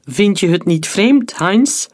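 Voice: mid-range voice, animated, slow, darkish tone, pitched above the performer's own voice. A narrator voicing Udo, a cruel male German soldier who mocks and gives orders in a storybook reading. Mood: mocking menace. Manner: mocking, commanding.

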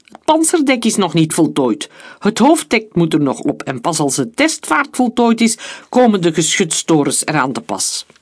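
A narrator voicing an enraged male shipyard foreman who yells and curses at his workers, in a read-aloud story. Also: medium pitch, big pitch swings, normal speed, breathy edge, no echo, studio quality. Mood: furious. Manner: yelling, cursing.

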